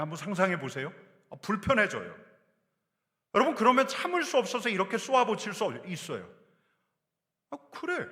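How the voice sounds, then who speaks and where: Lively, bright-voiced male pastor preaching. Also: on the high side. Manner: animated, addresses congregation directly. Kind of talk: sermon. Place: church sanctuary. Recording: long church hall reverb.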